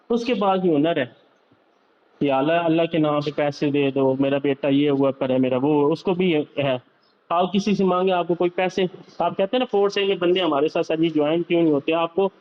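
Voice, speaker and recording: A young man with a fairly high voice lectures his sales team in a motivational talk, circling back to the same points again and again. He speaks directly to them. The recording sounds dull and lo-fi. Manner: lecturing, repetitive, addresses listeners directly. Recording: slightly dull, lo-fi audio.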